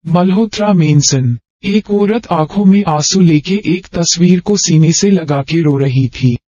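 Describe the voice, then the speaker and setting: A man narrating an audiobook love story in a steady storytelling read, close to the mic. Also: a little high, measured pace, no echo. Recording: dry, dull lo-fi.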